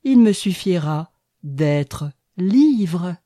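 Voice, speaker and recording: A woman's voice: fairly low pitch, expressive, very slow, mellow. A woman voicing a small young ash tree in an audiobook, speaking in a pleading, hopeful, raised tone. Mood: dreamy. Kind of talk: audiobook reading.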